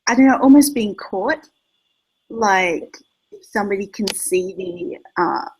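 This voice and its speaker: A woman's voice: medium pitch, unhurried, darkish tone, breathy edge, poor audio. A woman writer with an Australian accent speaking on a panel, reflective and a little hesitant. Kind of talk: panel discussion.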